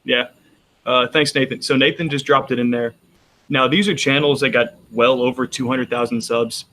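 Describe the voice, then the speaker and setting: Speaking at a moderate pace in a steady, mid-range voice with a bit of brightness, this Texan man rambles through casual roundtable chat. His Texan accent is clear, and he frequently restarts his sentences.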